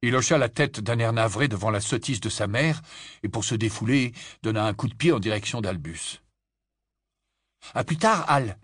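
A man narrating an audiobook in an even storytelling manner. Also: on the low side, fairly quick, dry recording, clean studio sound.

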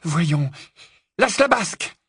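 A man voicing a quick-witted, anxious teenage girl witch in an audiobook, talking briskly. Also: high voice, no room sound, clean studio sound, voice pushed up.

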